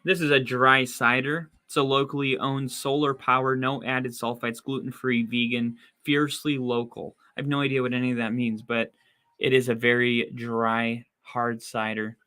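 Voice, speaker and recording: An excitable podcast host chats through a live game watch-along, his bright, smooth, mid-range voice moving at normal speed until plays send him into loud disbelief. His voice is fading.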